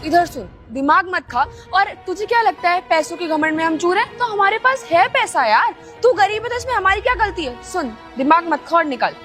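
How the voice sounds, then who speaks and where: A woman plays a spoiled rich younger sister who sneers rudely. Her voice is very high, and soft music plays behind the amateur skit. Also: lively intonation, fairly quick, hardly any pauses. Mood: sneering. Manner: sneering, rude.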